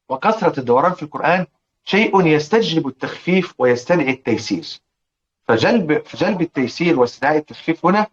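A man with an Egyptian accent gives a lesson on recitation rules in a fairly high voice. He keeps asking his listeners whether they follow and demonstrates each word aloud. The recording sounds somewhat dull and lo-fi. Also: fairly bright tone. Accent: Egyptian Arabic. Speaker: Quran recitation teacher.

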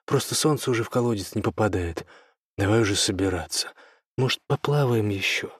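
A man's voice: fairly low pitch, brisk, husky, dry recording. A man voicing a curt, impatient young man hurrying his girlfriend in a spoken story. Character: anxious hurried young man, Oscar.

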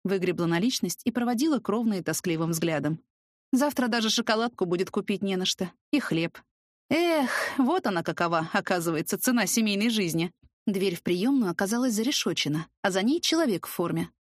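A woman narrating a first-person audiobook in a lively, expressive way. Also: medium pitch, fairly quick, dry recording, studio quality.

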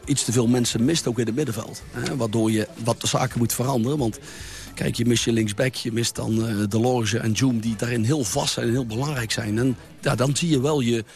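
A man's voice: medium pitch, steady tone, fairly quick, creaky. Hesitant male football trainer. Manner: hesitant, many fillers and restarts. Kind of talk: post-match interview.

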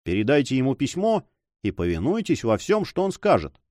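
A male reader voicing a scheming count, a prisoner who talks calmly and commands, in a storybook reading. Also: mid-range voice, no echo, clean studio sound. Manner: calm, measured, commanding.

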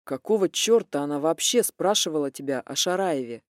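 A cold, gloomy young man, voiced by a woman reading a storybook, speaks in low, clipped, icy tones that press for answers. The sound is dry and close, with no room around it. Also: lively intonation, brisk, no echo.

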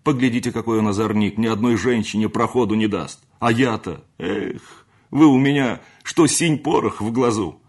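A man's voice: deep voice, flat delivery, normal speed. A man voicing a devoted manservant who begs and frets anxiously, in an audiobook reading. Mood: pleading. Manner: pleading, anxious. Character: pleading devoted male manservant. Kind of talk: audiobook character voice.

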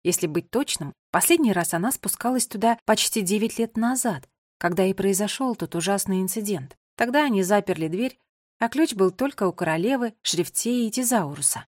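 A woman's voice: mid-range voice, animated, a little fast, darkish tone, dry recording. Woman narrating a storybook, dry sound. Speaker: audiobook narrator.

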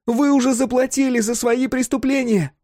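A man voicing a defiant young woman who shouts and pleads with trapped souls, in an audiobook reading. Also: very high voice, steady tone, moderate pace, no room sound, studio quality, voice pushed up. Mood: shouting.

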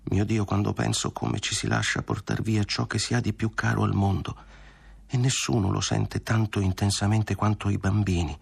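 A man narrating a classic novel as an audiobook, with a measured, dramatic reading. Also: on the low side, expressive, creaky, husky. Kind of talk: literary reading.

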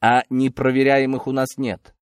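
A man voicing a calm, stern older colonel who speaks dryly and unhurriedly. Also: medium pitch, clean tone, dry recording, lightly acted. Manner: dry, unhurried, authoritative.

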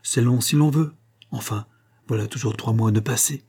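A man's voice: mid-range voice, moderate pace, warm tone, husky. A man voicing a young woman from the countryside, a polite and sensible maid in a storybook reading. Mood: demure. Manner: polite, short replies.

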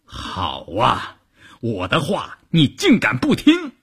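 A man voicing a hot-tempered army commander who shouts in anger, in a storytelling broadcast. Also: mid-range voice, wildly swooping pitch, slow, breathy edge, full character voice. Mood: indignant. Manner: shouting angrily.

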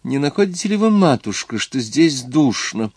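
A man's voice: medium pitch, very animated, normal speed, a little mellow, husky, no echo, clean studio sound, pitched above the performer's own voice. A man reading the part of a pale, nervous, polite young lady in an audiobook. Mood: faint.

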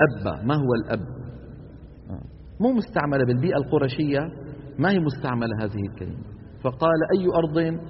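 Guy teaching a class, keeps checking they follow, long hall echo, faint hiss under it. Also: mid-range voice. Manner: explains by example, often checks the class with "انتبهنا؟". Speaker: Quran recitation teacher. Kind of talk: classroom lecture. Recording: dull lo-fi lecture recording in a reverberant hall with faint noise.

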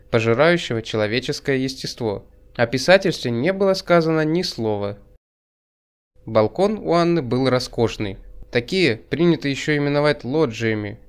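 A man narrating an audiobook in a measured, wry literary reading, also speaking as the first-person hero. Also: mid-range voice, clean tone. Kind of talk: scripted narration.

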